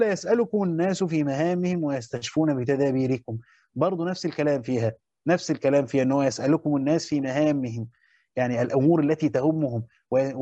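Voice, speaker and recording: A man with an Egyptian accent gives a classroom lesson at a quick clip in a slightly raised voice. He repeats his key points and stops often to ask whether his listeners follow. The recording is dull and dry, with no room sound. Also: on the high side, warm tone, no room sound. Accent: Egyptian Arabic. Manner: repeats key phrases and checks understanding with questions. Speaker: teacher explaining a Quran commentary.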